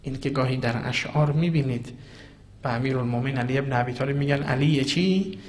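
A man giving a Quranic commentary sermon, swinging between loud emphatic declaiming and hushed, almost whispered asides. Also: medium pitch. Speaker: preacher. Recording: long hall reverb.

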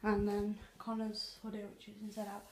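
A young woman chats casually to her vlog while wearing clear plastic retainers. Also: medium pitch, completely flat delivery, normal speed. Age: teens. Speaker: vlogger. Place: small bedroom at home. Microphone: handheld phone camera at arm's length. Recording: phone recording with faint noise.

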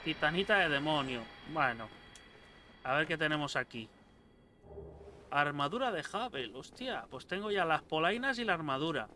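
Excitable gamer, bright voice. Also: male voice, on the high side, normal speed, slight background noise. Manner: excitable, swears a lot, talks to enemies. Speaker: gameplay streamer. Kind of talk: casual let's-play commentary.

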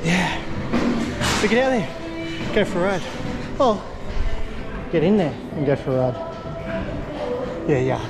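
A man whose voice sits high and sounds sing-song talks a little slowly and pauses often. As a vlogger, he narrates his gym workout on a handheld action camera, casual, upbeat, and self-deprecating, indoors at the gym and outdoors by a car, while music plays in the background.

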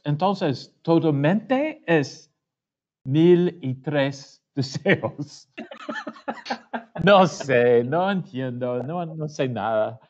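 Give me a hesitant male student on a video call, speaking very slowly with a muffled sound. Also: on the high side, a little mellow. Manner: hesitant, halting. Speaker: language learner. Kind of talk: answering in a class. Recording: muffled web meeting audio.

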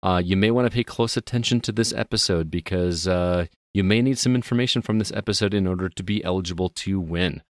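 A man's voice: low voice, quick pace, few pauses, no echo, clean studio sound. A man hosting a gaming podcast, chatting casually and upbeat, laughing easily. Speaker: podcast host.

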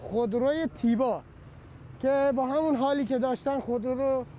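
A man's voice: extremely high pitch, dark tone, dull audio. A man, a security officer, giving a formal, report-like eyewitness statement with some hesitations. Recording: outdoor noise behind voice.

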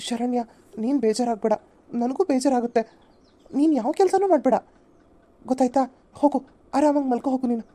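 A woman's voice: high-pitched, brisk, long pauses, dark tone. A woman voicing a young husband in a family cartoon who argues with his elder brother. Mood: soothing. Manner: argumentative. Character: protective young husband, blunt.

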